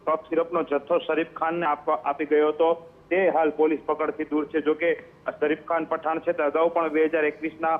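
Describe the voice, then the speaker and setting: Guy reporting live over the phone, kinda higher voice, tinny line, lots of uh's. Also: flat delivery, a little fast. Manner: unscripted, restarts with fillers. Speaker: field reporter.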